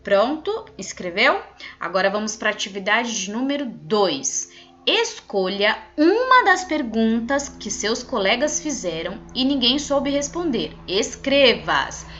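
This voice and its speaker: A woman primary school teacher with a Brazilian Portuguese accent, giving a video lesson to young children and stretching out syllables in a slow, sing-song way. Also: fairly high pitch, sing-song, a bit bright, muffled recording.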